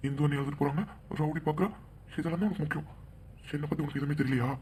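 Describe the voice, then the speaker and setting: A man voicing a young man in a cartoon, gently teasing and persistent. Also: fairly high pitch, steady tone, racing, a little hiss or hum, close to an everyday voice. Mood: earnest. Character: young man leaving for abroad, tender and teasing. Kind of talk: cartoon voice acting.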